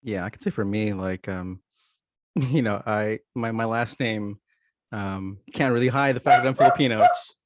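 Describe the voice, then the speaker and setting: A man on a panel over a video call, talking in a relaxed, light-hearted way. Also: lowish voice, moderate pace, no echo, clean studio sound.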